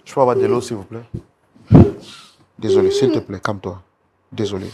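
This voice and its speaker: A man hosting an emotional talk show, pleading and apologizing again and again to calm a guest. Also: on the low side, a little fast. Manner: pleading, repeating apologies and calming words. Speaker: host. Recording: noisy recording.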